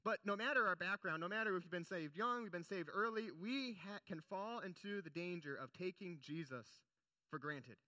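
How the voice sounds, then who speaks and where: Between passages of scripture, this young preacher keeps his sermon earnest and conversational, tossing in offhand remarks. The recording is dry, and his high-pitched voice sounds pushed and bright.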